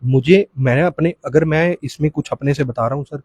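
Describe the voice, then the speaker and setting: A man giving an emotional first-hand account as an interviewee, speaking haltingly with restarts and often saying sir. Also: on the high side, darkish tone, slightly rough, no room sound. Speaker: relative of the deceased, interviewee.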